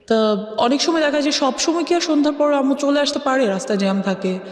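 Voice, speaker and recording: A woman with a Bangladeshi accent tells her own life story in an interview, slipping English phrases into her speech. Her voice sits high and she talks fast; the sound is echoey and reverberant, with music in the background.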